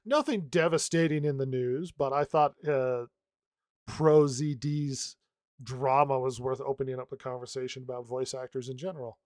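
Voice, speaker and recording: A man's voice: mid-range voice, fairly even intonation, normal speed, darkish tone, no echo, studio quality. A man hosting a casual podcast chat, sarcastic and jokey, often laughing. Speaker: podcast host.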